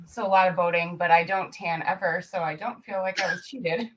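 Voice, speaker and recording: A woman's voice: fairly low pitch, fairly even intonation, a little fast, rough recording. A woman with a Chicago accent, chatting upbeat as a guest on a casual podcast. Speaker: guest, business co-owner.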